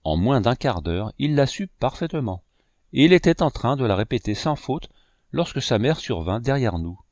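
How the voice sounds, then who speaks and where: Male audiobook narrator, measured and expressive, animated pitch, very dry close sound. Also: dry recording. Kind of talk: scripted narration.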